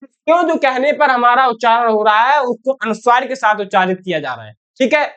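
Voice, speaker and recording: In this online class, an animated woman with a fairly high, clear, resonant, fairly bright voice speaks briskly, though the audio is dull. She's teaching ninth graders Hindi spelling, questioning them constantly, saying "theek hai" over and over, and addressing them as "beta."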